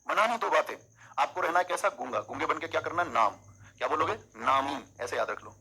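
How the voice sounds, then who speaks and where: A man with a bright, husky voice teaches an exam coaching class. He talks in an animated, coaxing way and keeps drilling memory tricks. The sound is a little lo-fi. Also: fairly high pitch, a little fast.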